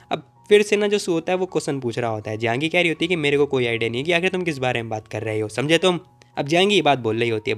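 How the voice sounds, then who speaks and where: Male recap narrator, quick and slightly high-voiced, chatty storyteller who keeps joking with listeners. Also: fairly bright tone. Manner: chatty, jokey asides to the audience.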